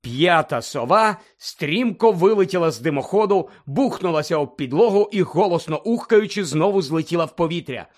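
Expressive male audiobook narrator. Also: a little high, normal speed, few pauses. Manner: dramatic, expressive reading. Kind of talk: scripted narration.

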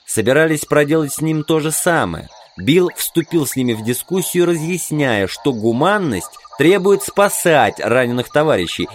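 A man narrating an audiobook in an even storytelling manner. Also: medium pitch, slight background noise.

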